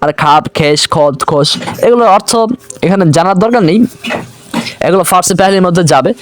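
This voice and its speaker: A man teaching an online grammar lesson, patiently explaining step by step and slowly repeating example words. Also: sits high, a little hiss or hum.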